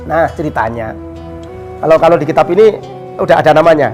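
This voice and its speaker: A high-pitched man talks through a religious tale in a relaxed, conversational way. He slips into animated voices for the people in the story. Soft music plays faintly underneath. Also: fairly quick. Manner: animated, acts out quoted characters with raised pitch. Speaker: religious teacher explaining a kitab. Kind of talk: casual storytelling explanation.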